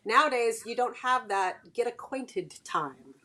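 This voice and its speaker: A woman's voice: on the high side, lively intonation, a little slow, sharp tone. A middle-aged American woman, once a radio music programmer, casually reminiscing in conversation with old colleagues. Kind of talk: casual reminiscing on a group call. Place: video call.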